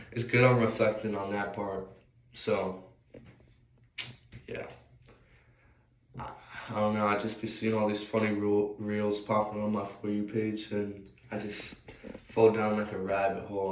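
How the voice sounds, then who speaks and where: A young American man with a slightly scratchy voice rambles hesitantly, thinking aloud in a casual, unscripted personal vlog. His pitch is fairly low, his tone level, and his pace a little slow, recorded on a roomy, distant mic with faint noise.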